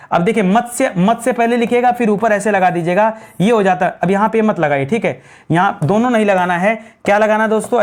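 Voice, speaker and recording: A man teaching Hindi spelling, who keeps asking his students what is correct, then answers himself. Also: high voice. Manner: repeats questions to students, calling them "friends"; clears throat now and then. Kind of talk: spelling lesson at a board.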